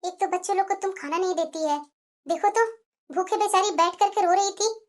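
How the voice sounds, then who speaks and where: A woman's voice: very high voice, brisk, pitched below the performer's own voice. Woman voicing a caring elder daughter-in-law. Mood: stern. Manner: earnest, scolding, soothing. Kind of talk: animated story voice acting.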